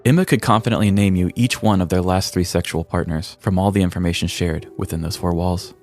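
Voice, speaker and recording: Faint music plays behind a low, darkish, fairly even voice speaking a little fast. He's an American man hosting a podcast, reading a scripted comic story in an arch, theatrical, mock-serious style.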